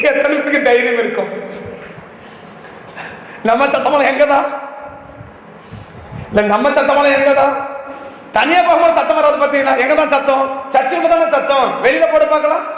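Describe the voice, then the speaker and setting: A man's voice: very high voice, a bit bright, a little hiss or hum. A man preaching a sermon to a congregation, firing off rhetorical questions one after another. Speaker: pastor. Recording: echoey hall reverb.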